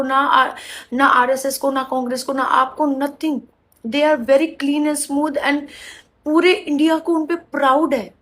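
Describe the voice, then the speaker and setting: A woman's voice: sits high, a bit bright. A woman commentator delivering a mocking political roast in a scornful, sarcastic way.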